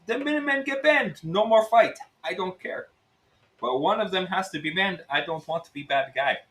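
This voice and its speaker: A man voicing a gruff male innkeeper with a Russian accent and broken English. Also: sits high, expressive, normal speed, a bit bright, pitched above the performer's own voice, low-quality recording. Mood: wheedling.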